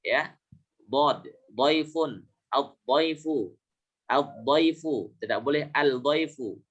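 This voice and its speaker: A man's voice: fairly low pitch, fairly bright tone. Man teaching Arabic letters. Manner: patient, repeats words slowly, fillers and self-corrections. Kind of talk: classroom lesson.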